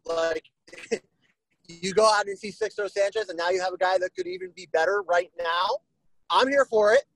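A man's voice: high-pitched, lively intonation, normal speed, vocal fry, fairly bright tone, no room sound, poor audio. A man talking as a guest in a casual podcast chat, rambling with lots of "you know" fillers.

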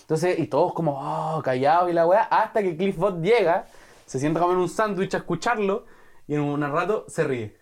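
A man's voice: on the high side, normal speed. A young man with a Chilean accent, casually and animatedly retelling a film scene among friends, full of slang and profanity. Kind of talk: casual chat.

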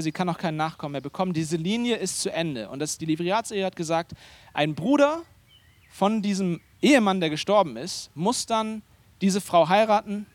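A man's voice: sits high, no echo. A man preaching a sermon as pastor, speaking conversationally and emphatically, often turning to the congregation with questions. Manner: animated, emphatic delivery.

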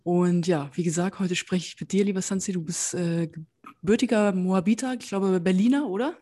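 A woman's voice: lowish voice, brisk, dry recording, studio quality. A woman hosting a podcast interview, enthusiastic and chatty with many hesitations. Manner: warm, enthusiastic, many fillers. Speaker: podcast host.

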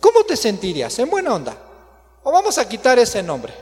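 A man's voice: very high voice, huge pitch swings, fairly quick, long reverb tail, soft background music. A Mexican man preaching a Sunday sermon, joking and asking the congregation questions. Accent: Mexican Spanish. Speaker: pastor. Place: church.

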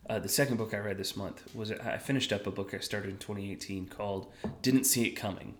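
This podcast co-host speaks in a lowish, brisk, slightly bright male voice. He tells a story in casual conversation, poking fun at himself and sometimes lowering to a whisper for emphasis.

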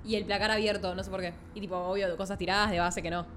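A young woman with an Argentine accent on a radio chat, expressive and full of little "ay"s. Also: medium pitch, fast, soft background music. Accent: Argentine Rioplatense Spanish. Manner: expressive, lots of "ay" interjections.

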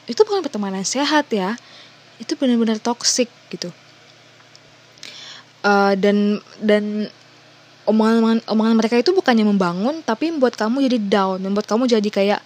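A woman's voice: fairly high pitch, darkish tone. A woman talking casually and directly to the listener, going through a list of points and reading some of them out. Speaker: advice talker. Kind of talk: casual advice talk to viewers.

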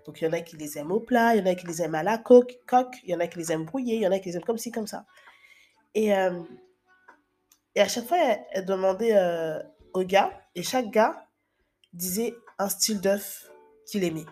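A woman's voice: mid-range voice, brisk, darkish tone, soft background music. A woman in her thirties giving casual, chatty advice to young viewers, with frequent fillers and restarts. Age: 30s. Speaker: advice vlogger.

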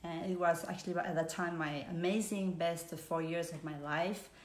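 Softly low woman with roomy echo. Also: fairly even intonation, normal speed. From Switzerland. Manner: hesitant, many fillers, warm greetings. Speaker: business speaker. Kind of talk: live online presentation.

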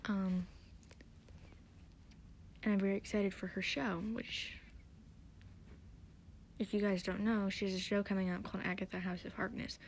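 A woman's voice: mid-range voice, level tone, normal speed, pauses often, a little hiss or hum. Chatty young woman, whispered ASMR recap. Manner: chatty, often whispering, many fillers. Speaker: TV episode recapper.

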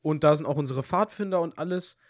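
A young man co-hosting a podcast, telling anecdotes in a lively, slangy way. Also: a little high, fast talker, no echo, clean studio sound. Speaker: podcast co-host. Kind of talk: casual chat.

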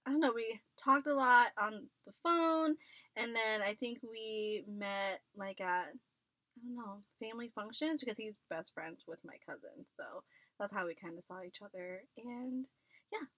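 A woman's voice: fairly high pitch, a little slow, no room sound. An American woman in her twenties telling personal stories as a casual podcast guest, giggly, slangy and self-deprecating, sounding muffled in a closet. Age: 20s. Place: small closet, seated on floor pillows. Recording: muffled, dull closet recording.

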